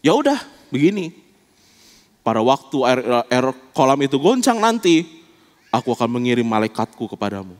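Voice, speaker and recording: A man voicing God as a calm male figure who gently reassures a sick man. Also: mid-range voice, moderate pace, long pauses, in a large hall, pitched below the performer's own voice, close to an everyday voice. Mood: reassuring.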